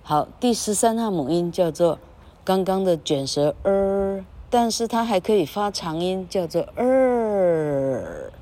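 A woman whose dark voice sits on the low side talks at a moderate pace in a casual spoken lesson recorded under an elevated railway bridge. Using casual Mandarin with a Taiwanese accent, she demonstrates English vowel sounds by drawling each one, adding a little "ha" to her phrases.

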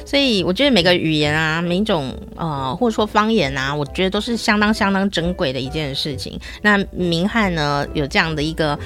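A man from Taiwan with a Taiwanese Mandarin accent, hosting a casual interview, chatty and quick to laugh. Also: fairly high pitch, expressive, bright, forceful tone. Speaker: host.

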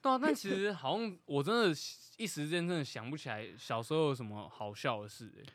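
Animated young Taiwanese-accented man, bright voice. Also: on the high side, fast talker, no room sound. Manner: animated storytelling, swearing, excitable. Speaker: podcast co-host. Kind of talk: casual comedic chat.

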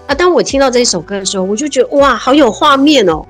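High-pitched and animated, a woman in her fifties with a Taiwanese Mandarin accent talks at a quick pace, faint music behind her. She's a radio interview guest reminiscing about her childhood and adventures, earnest and warm, frequently exclaiming.

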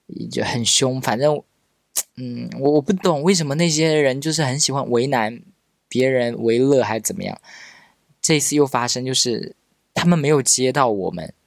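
A man's voice: medium pitch, vocal fry, no echo, studio quality. Hesitant man telling school stories. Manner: hesitant, many restarts and fillers, self-mocking. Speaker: podcast host reading his old diary. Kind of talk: casual storytelling monologue.

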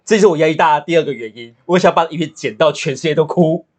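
A man, co-hosting a casual podcast chat and telling stories in an animated, joking way. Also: on the high side, very fast. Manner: animated, chatty, jokey storyteller. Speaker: podcast co-host about to marry.

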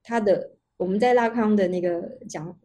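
Guest researcher, female; mellow, husky tone; talks at length over a video call, circling back and rephrasing. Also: mid-range voice, moderate pace. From Taiwan. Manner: long reflective explanations with many restarts. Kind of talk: online panel talk.

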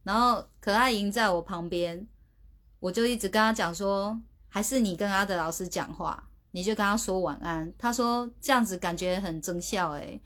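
A woman's voice: medium pitch, normal speed, fairly bright tone. A woman hosting a casual livestream from her phone, chatty and sheepish, often restarting her words. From Taiwan. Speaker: livestream host.

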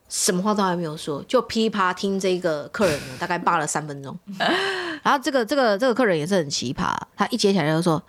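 A woman, an online shop owner telling customer stories in casual chat with animated flair. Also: lowish voice. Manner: animated storyteller, quick and expressive.

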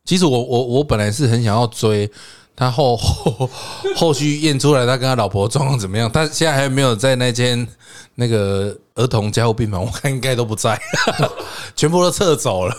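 A man's voice: mid-range voice, normal speed. A man, a doctor co-hosting a podcast, telling stories in casual chat and laughing often. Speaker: podcast co-host, hospital attending physician.

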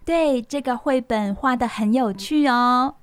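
High-voiced woman reading to little children. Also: unhurried, clear, resonant tone. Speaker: children's radio storytelling host. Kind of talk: reading a picture book aloud to young children.

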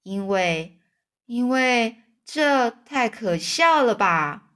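A woman's voice: a little high, lively intonation, very slow, a bit bright, exaggerated voice. A woman voicing a curious young boy who asks eager, wide-eyed questions in a children's storybook.

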